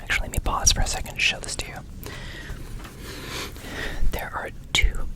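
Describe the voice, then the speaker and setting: A man whispering an ASMR ramble close to the microphone, softly repeating words and phrases as he goes. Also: moderate pace. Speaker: ASMR video creator and host. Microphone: close microphone, brushed as he talks.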